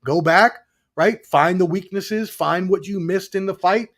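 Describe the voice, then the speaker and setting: A man's voice: sits high, a little slow, fairly bright tone. A man appearing as a guest sports analyst on a casual podcast over a video call, talking conversationally and emphatically as he makes his points.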